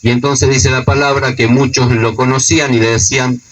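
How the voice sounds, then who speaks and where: A man's voice: mid-range voice, little pitch movement, brisk, fairly bright tone, distant mic, slight background noise, low-quality recording. A man with a Rioplatense accent preaching a sermon. He retells scripture stories and often adds a questioning "no?". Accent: Rioplatense Spanish.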